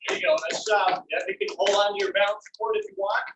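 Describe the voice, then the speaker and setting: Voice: medium pitch, level tone, quick pace. An exercise instructor coaching a rehab workout like a gym coach, urging people on in an encouraging way. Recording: roomy, distant mic with faint noise.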